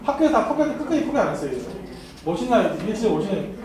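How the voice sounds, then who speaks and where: Talking very fast with big pitch swings, a high-voiced academy lecturer runs a university admissions seminar, speaking straight to the students, teasing them and laughing frequently. The seminar hall is very echoey, the mic is distant, and faint noise and crowd sounds come through.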